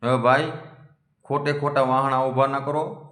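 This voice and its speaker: A community vlogger delivers a confrontational monologue, defiantly scolding the people who criticize him. His medium-pitched voice is fairly bright, flat and unhurried, and the room he's in is echoey.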